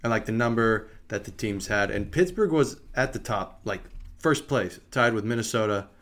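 A man's voice: lowish voice, normal speed, a bit bright. Casual man talking hockey on a podcast. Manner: chatty, thinks aloud while reading a schedule. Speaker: podcast host. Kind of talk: casual sports chat.

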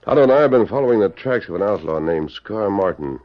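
An actor playing a calm, steadfast masked cowboy hero in an old Western radio drama, speaking in a measured, formal, authoritative way. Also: male voice, on the low side, lightly acted. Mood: firm, commanding. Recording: dull, band-limited old radio recording.

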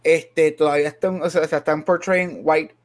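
A man's voice: on the high side, fairly even intonation, normal speed. A man co-hosting a casual podcast chat, reasoning things out and switching often between Spanish and English. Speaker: podcast co-host.

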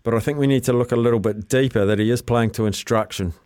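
A man with a New Zealand accent hosts a sports radio phone-in. His voice is clear and resonant, with medium pitch, recorded dry and close. He chats casually with his callers. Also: fairly even intonation, fast, a little mellow, no room sound. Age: middle-aged or older. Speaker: sports talk radio host. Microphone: close studio microphone.

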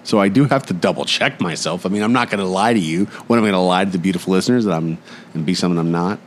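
A man's voice: deep voice, rapid-fire, a little hiss or hum. A man co-hosting a podcast from a recording studio, bantering casually, joking about himself and laughing often. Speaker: podcast co-host. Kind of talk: casual chat.

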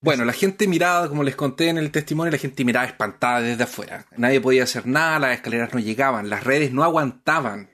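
A man's voice: medium pitch, fast, hardly any pauses, fairly bright tone. A man hosting a podcast, telling a historical story in casual chat, with many hesitations and restarts. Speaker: podcast host.

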